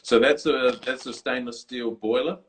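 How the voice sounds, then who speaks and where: A man's voice: mid-range voice, steady tone, normal speed, a little hiss or hum, rough recording. A man being interviewed from his office over a video call, explaining a product with many fillers and restarts. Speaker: guest, coffee brewer designer.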